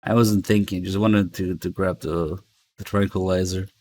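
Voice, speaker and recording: A man's voice: sits low, fairly even intonation, normal speed. A man giving casual, sardonic and sweary commentary while he streams a video game. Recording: voice over loud game music.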